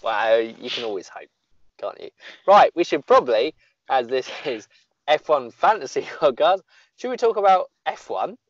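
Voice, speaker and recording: A man's voice: medium pitch, big pitch swings, moderate pace, no room sound, lo-fi sound. A man co-hosting a casual podcast, rambling and joking at his own expense. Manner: joking, rambling, self-deprecating. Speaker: podcast co-host.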